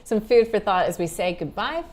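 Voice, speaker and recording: A woman co-hosting a live market wrap, chatty and conversational with quick asides. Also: medium pitch, lively intonation, darkish tone. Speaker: co-host of a markets show.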